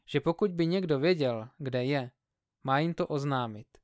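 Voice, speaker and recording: A man reading scripture aloud in a slow, measured, solemn narration. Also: fairly high pitch, a little mellow, dry recording, clean studio sound. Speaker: Bible reader.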